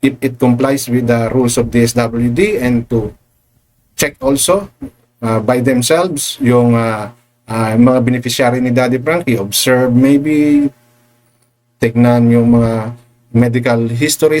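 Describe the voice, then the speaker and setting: Lalaking vlogger na nagkokomentaryo at nagbabasa ng mga komento, maraming "ah" at "no" at may halong Ingles, mahinahon ang tono. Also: male voice, mid-range voice, a little slow. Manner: hesitant with many fillers, mixing English into Tagalog; calm, reassuring to viewers. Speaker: commentary vlogger. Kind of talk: casual commentary reading viewer comments.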